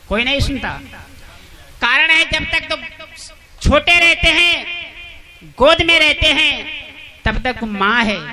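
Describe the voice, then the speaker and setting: A man preaching a devotional sermon in storytelling style, emphatic, repeating his lines and calling out to the devotees. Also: extremely high pitch.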